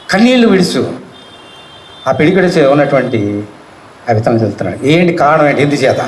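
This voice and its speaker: A male pastor with a Telugu accent preaching a sermon in a church hall. He keeps asking the congregation questions and calling out loudly to them. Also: a little high, slight background noise.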